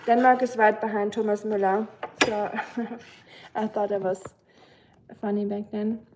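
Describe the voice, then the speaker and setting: A young woman livestreamer chats casually while cooking at home, reading comments with lots of fillers and giggly asides. Her voice is on the high side and mellow, though the audio is poor.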